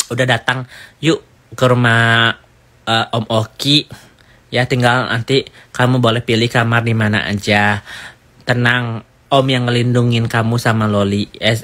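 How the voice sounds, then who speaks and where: Man playing a calm, coaxing male doctor, unhurried, bright tone. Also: medium pitch, lightly acted. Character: gentle coaxing middle-aged male doctor.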